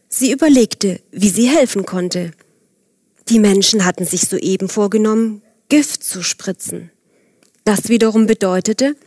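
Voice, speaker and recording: Slow, calm woman telling a children's story. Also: mid-range voice, no room sound, studio quality. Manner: calm, unhurried, speaks directly to children. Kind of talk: children's bedtime story narration.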